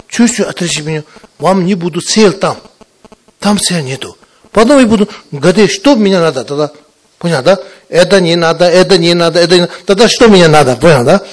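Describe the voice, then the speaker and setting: A man with a foreign accent, not a native Russian speaker, giving a Buddhist teaching in halting, broken Russian and often checking that listeners understand. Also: a little high. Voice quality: broken Russian with wrong grammatical endings. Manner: halting, repetitive, often checking understanding with short tag questions. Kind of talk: spiritual teaching talk to students.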